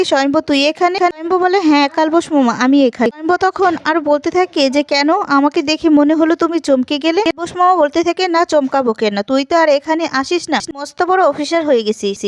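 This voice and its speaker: High-pitched woman recapping a tv serial, does everyone's lines herself, dry close sound. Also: dry recording. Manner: plainly retells scenes, quoting each character's lines in her own voice. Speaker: storyteller retelling a TV serial. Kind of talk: casual spoken plot retelling.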